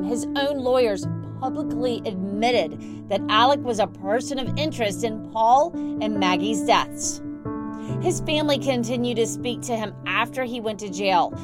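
A woman hosting a news podcast, reading scripted investigative narration as a reporter. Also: on the high side. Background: music.

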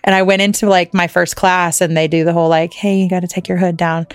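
Lady podcast host rambling thru a story, low voice, dry close sound, swears a lot. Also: little pitch movement, fast talker, smooth, no echo. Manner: chatty storyteller, swears freely, lots of "like". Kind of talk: casual chat.

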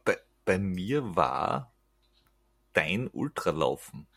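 Low, husky Austrian man, very animated. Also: slow pace, no echo. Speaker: podcast guest, ultrarunner and podcaster. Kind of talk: casual chat.

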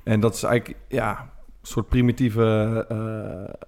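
A man's voice: on the low side, little pitch movement, unhurried, a little mellow. A man, co-hosting a casual podcast chat and telling rambling stories full of fillers. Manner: rambling storyteller with many fillers. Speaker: podcast co-host.

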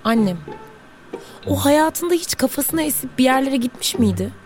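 Musing inner monologue. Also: female voice, sits high, animated, normal speed, faint music behind. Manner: quiet, musing inner-voice narration. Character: woman's inner monologue, adult, reflective. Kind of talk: audio drama narration.

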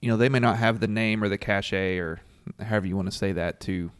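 A man's voice: fairly low pitch, quick pace, clean tone, dry recording. A man co-hosting a sports podcast, chatting in an easygoing, conversational way. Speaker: podcast co-host. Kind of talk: casual sports podcast chat.

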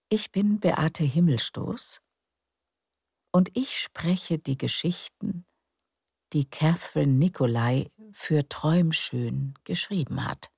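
A woman narrating sleep stories for adults in a hushed, calm, soothing, breathy and creaky voice, often close to a whisper. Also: low-pitched, no echo. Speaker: sleep story narrator and podcast host. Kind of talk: soothing scripted bedtime story narration.

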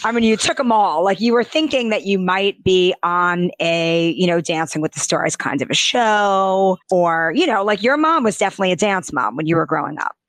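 A woman's voice: lowish voice, lively intonation, normal speed, hardly any pauses, fairly bright tone, no room sound. A woman hosting a beauty podcast, chatting in an effusive, rambling way with lots of fillers. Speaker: podcast host and beauty editor.

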